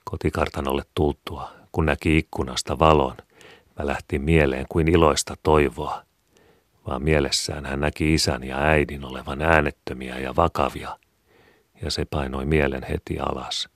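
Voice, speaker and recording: A man reading a story aloud in a calm, measured way. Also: a bass voice, no room sound, studio quality. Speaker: story reader. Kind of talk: storybook narration.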